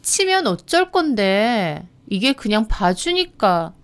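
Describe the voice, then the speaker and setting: A woman's voice: medium pitch, big pitch swings, takes it slowly, smooth. A woman voicing a young sister-in-law who mocks and threatens with open contempt, in a radio drama. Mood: threatening. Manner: mocking, contemptuous, menacing.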